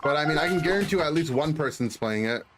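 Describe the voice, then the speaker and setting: A man's voice: a little high, animated, fast, over loud music. Teasing male game streamer. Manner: teasing, reads and answers chat. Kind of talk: casual live-stream commentary.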